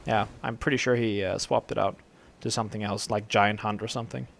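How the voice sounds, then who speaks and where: Male gamer narrating duels, gravelly from a dry throat, loose and rambling, slight background noise. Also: fairly low pitch, a little fast. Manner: rambling, relaxed, many fillers. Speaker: gameplay commentator. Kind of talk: casual game commentary.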